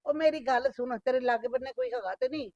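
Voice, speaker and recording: A woman's voice: high voice, quick pace, a little mellow, no room sound, far from the mic, muffled recording, lightly acted. A middle-aged woman playing a scheming mother who scolds and nags her married daughter in a scripted family skit. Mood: coaxing. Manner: nagging, scolding. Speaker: mother on the phone.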